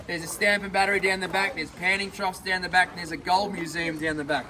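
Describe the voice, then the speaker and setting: High-voiced Australian man guiding a noisy tour. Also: fairly even intonation, fast. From South Gippsland, Australia. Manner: matey, chatty, projects loudly to the group. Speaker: underground mine tour guide. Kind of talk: informal guided tour talk to a group. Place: gold mine tour site, picked up by a visitor's camera. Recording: distant mic, loud machinery and vehicle noise.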